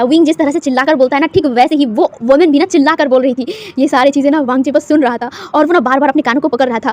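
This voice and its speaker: A woman's voice: high-pitched, darkish tone. A woman narrating a romance fan fiction story in a chatty retelling style, mixing in English words and restarting phrases.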